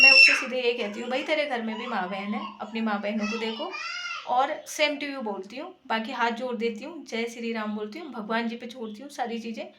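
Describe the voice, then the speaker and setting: High, bright-voiced young woman vlogger. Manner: earnest, chatty, many fillers. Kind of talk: casual talk to camera. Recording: echoey room, faint background noise.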